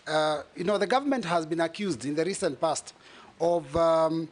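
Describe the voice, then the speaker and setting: A Kenyan man on a parliamentary panel puts questions to a nominee, his voice sitting somewhat high for a man. He stumbles and restarts often, packing his turn with fillers. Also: normal speed. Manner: hesitant, many fillers and restarts. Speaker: member of parliament on a vetting panel. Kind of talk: formal questioning in a parliamentary hearing.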